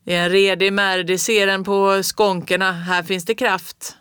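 A woman voicing a kindly old rural grandfather who talks slowly and plainly. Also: mid-range voice, level tone, fairly bright tone, smooth, no room sound, clean studio sound, natural voice. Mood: gentle. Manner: slow, homely, plain-spoken.

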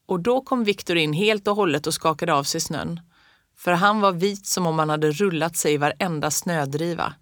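A woman reading a story aloud in a calm, measured way. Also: on the low side, no echo, studio quality. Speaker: audiobook reader. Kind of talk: scripted storybook narration.

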